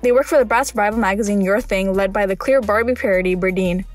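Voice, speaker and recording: A woman reads scripted commentary as a video essay narrator. Her voice sits at a medium pitch, her humour is dry and wry, and faint music plays behind her. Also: fast.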